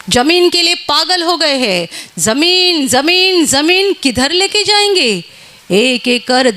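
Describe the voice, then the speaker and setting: Woman preacher, high voice, slow and drawn out, keeps saying hallelujah. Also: fairly bright tone. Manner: repeats hallelujah, urgent exhortation. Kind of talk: sermon.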